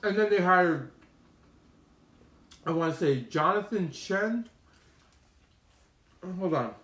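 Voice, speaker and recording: On his livestream, this male mukbang streamer talks slowly but animatedly in a high, fairly bright voice. He rambles to viewers, airing opinions and telling slang-heavy stories, and the room sound is echoey.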